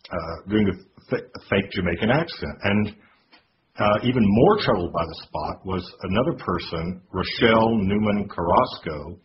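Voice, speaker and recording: A man with a very deep voice hosts a casual podcast, reading out quotes and pausing often on fillers. The recording is dull and lo-fi, with steady noise underneath. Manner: hesitant, many fillers, reads quotes aloud. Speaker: podcast host.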